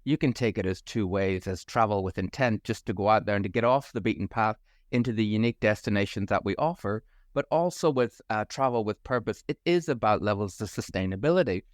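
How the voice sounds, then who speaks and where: A Northern Irish man whose accent has softened after years living abroad speaks as a guest on a conversational podcast interview, where he's a travel company managing director. His voice is fairly low and fairly quick, recorded dry and close with no echo. He comes across enthusiastic and fluent, with a few fillers.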